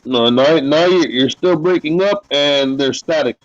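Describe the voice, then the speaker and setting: A man's voice: on the high side, a little slow. A man co-hosting a live sports talk stream. He chats casually and jokes sarcastically while he talks to the viewers in the chat. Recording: dull lo-fi stream audio.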